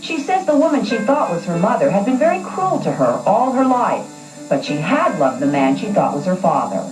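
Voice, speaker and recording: A woman's voice: mid-range voice, sing-song, moderate pace. Dramatic woman narrating tabloid TV news. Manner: dramatic, storytelling delivery. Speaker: TV news reporter. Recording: echoey, distant old TV broadcast with music.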